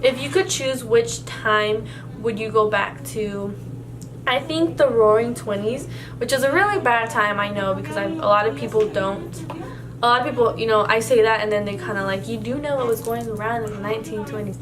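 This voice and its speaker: A crowd can be heard behind this young woman, who speaks at a moderate pace in a fairly high voice. Spanish is her first language, and she rambles through a casual Q&A tag vlog with frequent fillers and restarts.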